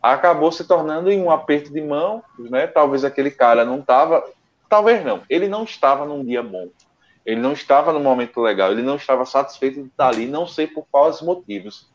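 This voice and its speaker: A man co-hosting an online talk from home, telling a story in a relaxed, rambling way with many restarts. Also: fairly high pitch, fast talker. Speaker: co-host of an online study show. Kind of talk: casual storytelling and sign-off. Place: his home. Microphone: internet call. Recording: dull, lo-fi internet call audio.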